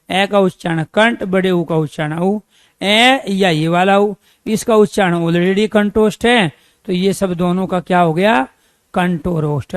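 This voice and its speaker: This male teacher runs a Hindi grammar class aimed at exam preparation, firing the same questions at students again and again and drawing out important terms at a slow pace. He speaks in a high voice, recorded with no room sound.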